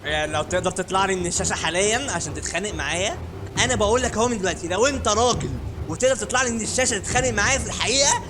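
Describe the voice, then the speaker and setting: A man with an Egyptian Arabic accent giving casual, joking and sarcastic gameplay commentary from home, sometimes bursting into shouting. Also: sits high, racing, over music. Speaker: gaming YouTuber host. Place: at home, sitting on a dining chair.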